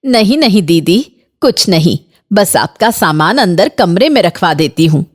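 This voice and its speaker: A woman voicing a stern middle-aged mother-in-law in a cartoon, talking in a measured, commanding way. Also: lowish voice, lively intonation. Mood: wary. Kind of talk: Hindi cartoon voice acting.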